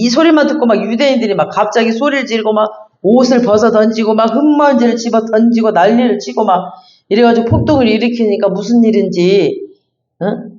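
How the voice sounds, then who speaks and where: Male pastor, high voice, chatty emphatic Bible teaching, echoey muffled church recording. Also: a little mellow. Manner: conversational, emphatic, reads verses then explains. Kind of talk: expository Bible sermon. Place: church sanctuary. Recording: echoey, dull church sound.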